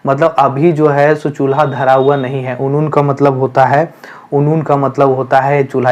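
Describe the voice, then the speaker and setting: A man with a fairly high voice walks students through a story for an exam. He explains each line slowly, circling back and repeating himself with plenty of fillers. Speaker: teacher.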